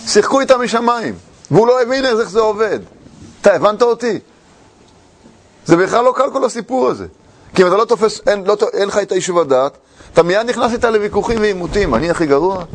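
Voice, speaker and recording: Lively, animated man lecturing on faith. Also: sits high. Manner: animated, acts out arguing couples. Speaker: rabbi giving a lecture. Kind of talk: religious lecture with acted quotes.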